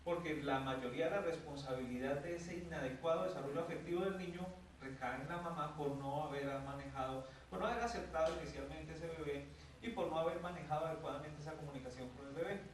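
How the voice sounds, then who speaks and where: Man, Colombian accent, conversational lecture, slightly high voice, heavy room echo, distant mic. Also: fast talker, a little hiss or hum. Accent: Colombian Spanish. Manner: conversational, often checks in with "¿sí?", acts out quoted mothers. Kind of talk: lecture to an audience. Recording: very echoey room, mic far off, faint ambience.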